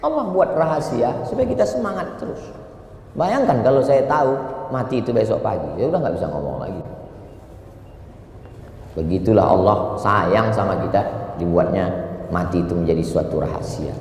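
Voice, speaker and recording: Preacher in a reverberant hall. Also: male voice, normal speed, a little hiss or hum. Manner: animated storyteller, jumps to high voice for quotes. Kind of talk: sermon. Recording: reverberant hall with faint ambience.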